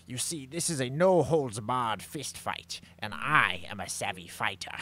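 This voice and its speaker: A man voicing a pompous, scheming skeleton brawler in a comedic game roleplay, with drawn-out villainous delivery. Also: medium pitch, very animated, bright, forceful tone. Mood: grandiose. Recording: noisy mic with hum.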